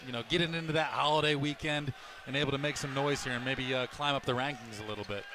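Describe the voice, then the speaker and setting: A man giving color commentary on a college basketball game, conversational, then loud and worked up over a bad call. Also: mid-range voice, steady tone, fast talker. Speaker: color analyst. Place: arena broadcast booth.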